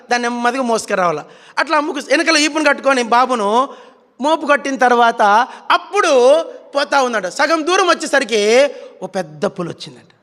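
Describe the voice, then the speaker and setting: A man's voice: very high-pitched, fairly bright tone. A man preaching a sermon in Telugu style, telling stories animatedly and acting out scenes. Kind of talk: sermon with storytelling. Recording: reverberant hall.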